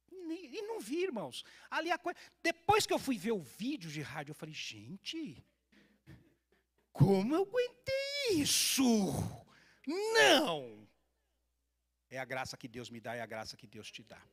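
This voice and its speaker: A man from Brazil, a pastor preaching a sermon to his congregation, telling stories and speaking to the people in front of him. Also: high-pitched. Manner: animated storytelling, addressing the congregation directly. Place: church hall.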